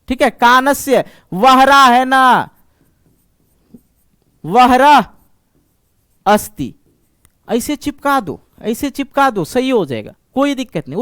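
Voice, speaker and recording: A male Sanskrit teacher giving an online lesson, patient and reassuring, repeating words slowly. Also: extremely high pitch, fairly bright tone, clear, resonant tone, no echo, clean studio sound. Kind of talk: online exam-prep lesson.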